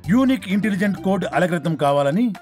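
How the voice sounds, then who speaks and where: Man as a formal office boss, announcing, higher lively voice, faint music. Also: fast. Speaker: company boss.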